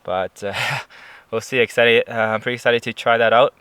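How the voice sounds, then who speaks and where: Guy doing a casual camping vlog, clear bright voice, kinda halting, mouth stiff from cold. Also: mid-range voice, steady tone, no room sound. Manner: halting, searching for words. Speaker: camping vlogger. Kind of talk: casual vlog chat to camera. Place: outdoors at a snowy mountain campsite.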